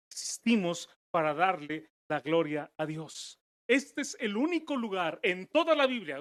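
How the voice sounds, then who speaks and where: A man preaching a sermon as pastor, earnest, dropping his voice low and soft and then rising to emphatic declarations. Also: no room sound, clean studio sound. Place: church.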